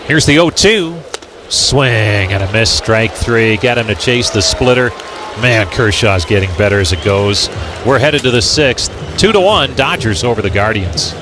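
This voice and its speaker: This American radio announcer calls baseball play-by-play a little slowly, with a low-ish voice and lively intonation, as music plays. The live commentary carries clear noise from an outdoor ballpark.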